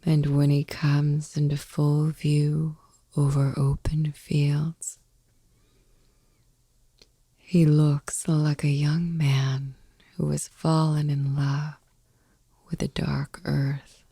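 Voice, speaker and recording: Reading poetry for her sleep ASMR podcast, a woman keeps to a soft, breathy, slow and soothing whisper close to the mic. Her low voice has a flat delivery, and there's no room sound.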